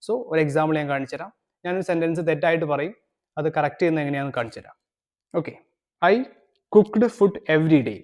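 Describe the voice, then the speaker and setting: A man from Kerala hosting a language tutorial, explaining steps steadily and reading his English prompts out slowly. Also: a little high, fairly even intonation. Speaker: English teacher, channel host.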